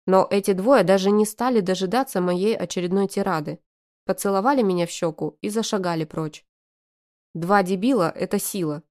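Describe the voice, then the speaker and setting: A woman reading a first-person novel aloud in a lively, sarcastic manner. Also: mid-range voice. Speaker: audiobook narrator.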